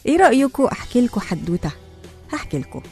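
مذيعة مصرية تحكي حدوتة بصوت عالٍ الطبقة. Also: female voice, on the high side, sing-song, very fast, a little mellow, soft background music. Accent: Egyptian Arabic. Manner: storyteller opening a folk tale. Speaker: radio show host. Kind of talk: radio monologue told like an old tale.

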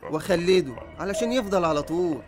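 Guy doing a creepy egyptian doll-maker killer, high voice, talks fast, dreamy and childish. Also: music in the background, natural voice.

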